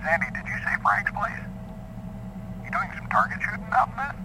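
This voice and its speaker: A man's voice: high-pitched, expressive, fairly quick, vocal fry, pushed and bright, slight background noise, pitched above the performer's own voice, full character voice, poor audio. A man voicing a weary small-town sheriff talking on the phone in an audiobook story. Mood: weary, placating. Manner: weary, placating.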